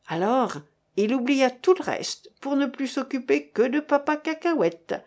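A woman narrating a novel aloud in an expressive reading style. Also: fairly high pitch.

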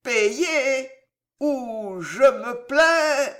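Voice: sits high, expressive, a bit bright, voice pushed up, heavily acted. A reader voicing a drunken, greedy young nephew in a French storybook, slurring and drawing out his words. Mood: insistent. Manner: slurred, drawn-out, wailing.

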